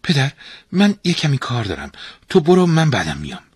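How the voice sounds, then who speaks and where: Clever young shape-shifter, eager and bright-voiced, read by a male storyteller. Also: a little high, huge pitch swings, husky, no echo, studio quality, pitched above the performer's own voice, exaggerated voice.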